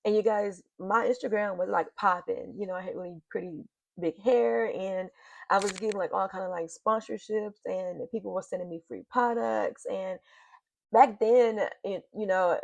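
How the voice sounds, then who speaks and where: Woman, middle-aged, confessional home vlog, emotional and sighing, gravelly fry, dry close sound. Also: mid-range voice, steady tone, normal speed, no echo, muffled recording. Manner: emotional, sighing, talking straight to viewers. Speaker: vlogger. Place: home office. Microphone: computer mic.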